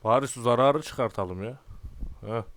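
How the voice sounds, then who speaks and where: A young man in his twenties giving casual, exasperated gameplay commentary and often clearing his throat. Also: mid-range voice, moderate pace, fairly bright tone. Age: 20s. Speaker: gaming YouTuber.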